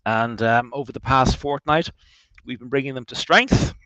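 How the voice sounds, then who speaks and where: A man with an Irish accent leading a guided tour of his distillery. He talks in a chatty, animated way, with wry asides and frequent restarts. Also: mid-range voice, moderate pace, no room sound, low-quality recording. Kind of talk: guided tour talk, answering questions.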